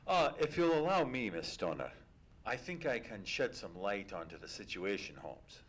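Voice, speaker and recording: A man playing an earnest, loyal gentleman doctor who narrates and speaks in a live old-time radio play, formally worded. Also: on the low side, sing-song, breathy edge. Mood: earnest, concerned. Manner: formal, earnest, measured storytelling. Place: live on a theatre stage.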